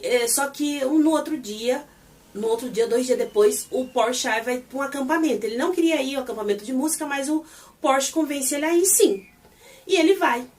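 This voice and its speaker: A woman recapping a TV episode in a casual, animated way, acting out the characters' lines as she goes. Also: high voice, far from the mic. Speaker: series reviewer.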